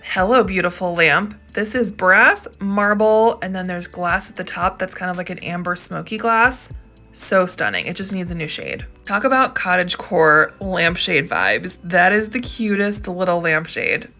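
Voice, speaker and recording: A woman's voice: on the low side, expressive, moderate pace, sharp tone, faint music behind. A woman host narrating a casual thrifting vlog, gushing with enthusiasm over each find.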